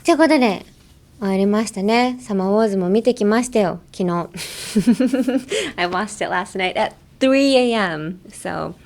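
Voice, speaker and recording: A woman's voice: medium pitch, a little slow, creaky, darkish tone. A young woman hosting a casual bilingual pronunciation lesson, playfully demonstrating sounds with repeated syllables. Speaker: English pronunciation coach.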